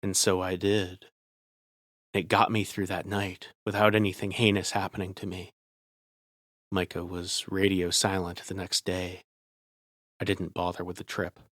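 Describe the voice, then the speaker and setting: A man's voice: deep voice, monotone, measured pace, long pauses, a bit bright, dry recording, studio quality. A man narrating a first-person horror story in a tense, scripted way.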